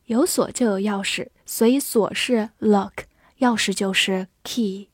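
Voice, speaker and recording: A woman teaching English vocabulary, who spells words letter by letter and reads example sentences slowly. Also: mid-range voice, steady tone, no echo, clean studio sound. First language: Chinese. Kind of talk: slow, clear vocabulary lesson.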